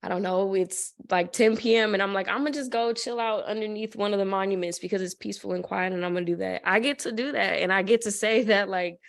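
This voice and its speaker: A woman's voice: medium pitch, brisk, gravelly, few pauses. A woman in her twenties, a student co-hosting a podcast, talking in a reflective, grateful way with lots of "like". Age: 20s. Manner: reflective, grateful, with many fillers. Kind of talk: casual chat.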